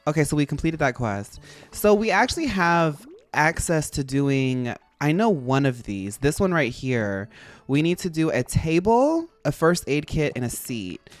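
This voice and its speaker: A game streamer chatting casually, with an animated, expressive delivery and sassy, girly-pop slang. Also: medium pitch, a little slow, no echo, faint music behind. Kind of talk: casual chat while livestreaming a game.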